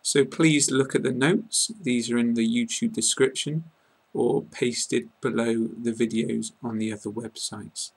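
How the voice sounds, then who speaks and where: A British-accented man teaches English pronunciation, saying words one at a time and repeating them with care. His voice is gravelly and a little husky, and his pitch stays flat and even. He speaks slowly, like a patient tutor. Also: poor audio. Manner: slow, deliberate word-by-word pronunciation. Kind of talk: pronunciation lesson.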